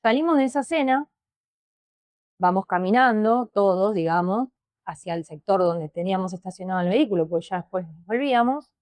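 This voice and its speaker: A woman with a Rioplatense Spanish accent, an interview guest giving a personal testimony, speaking emotionally and haltingly and often repeating words. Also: medium pitch, expressive, a little mellow, no echo.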